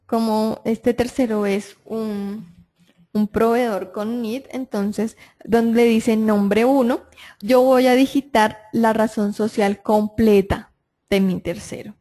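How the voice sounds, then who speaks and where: A woman explaining software data entry step by step. She keeps checking in with the listener as she goes. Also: on the high side, fairly even intonation, slow pace. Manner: step-by-step explaining, frequent "entonces" and "listo", checks with "¿sí?". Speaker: software trainer. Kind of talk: screen-recorded software tutorial.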